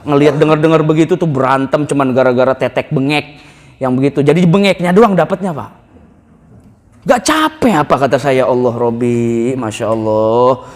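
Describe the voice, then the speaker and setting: Male mosque preacher, high voice, chatty and humorous, long hall reverb. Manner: animated, joking, colloquial, acts out quoted voices. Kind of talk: Friday sermon lecture.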